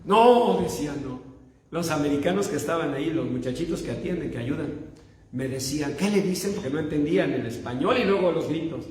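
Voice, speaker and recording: Animated Mexican preacher in an echoey hall. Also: male voice, fairly high pitch, fast, slight background noise. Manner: animated, self-mocking storyteller. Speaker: pastor. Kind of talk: humorous sermon storytelling. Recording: echoey hall with long reverb.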